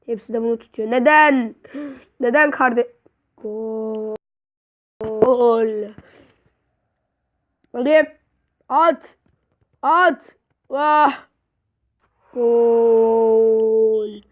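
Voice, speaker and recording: A young woman giving excited, trash-talking commentary over her own gameplay. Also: on the high side, extremely slow, long pauses, phone-quality sound. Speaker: gaming YouTuber.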